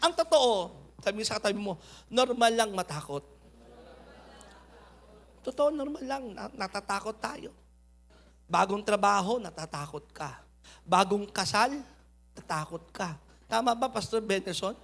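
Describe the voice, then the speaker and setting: High, bright-voiced preacher. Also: male voice, moderate pace, vocal fry, long pauses, a little hiss or hum. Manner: preaching with swings between loud urging and quiet asides. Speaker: pastor. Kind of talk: sermon.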